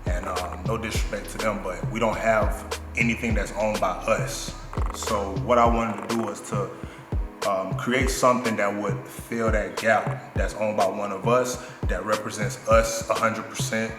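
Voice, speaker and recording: A man from Nigeria who owns a clothing brand, speaking in a relaxed, thoughtful way with many fillers. His voice is fairly low. It rings through an echoey room with a long reverb tail, and music plays clearly behind him. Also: unhurried. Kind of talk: casual interview.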